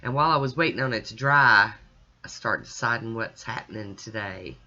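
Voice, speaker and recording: A woman's voice: a bass voice, brisk, bright, forceful tone, highs cut off. A woman chatting casually as she talks the viewer through her nail art, step by step. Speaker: nail art channel host.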